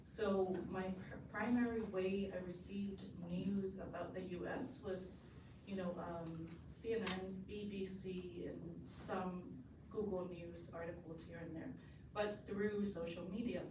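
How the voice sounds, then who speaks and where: A woman's voice: on the low side, fairly even intonation, far from the mic. Samoan woman in a roomy hall. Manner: thoughtful, measured, many fillers. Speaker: audience member asking a question. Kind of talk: panel audience comment. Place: conference hall. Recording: roomy hall audio from afar, noisy.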